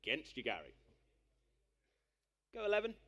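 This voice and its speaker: A man working as an auctioneer, calling bids live in a brisk patter of repeated numbers. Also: fairly high pitch, wildly swooping pitch, bright, forceful tone.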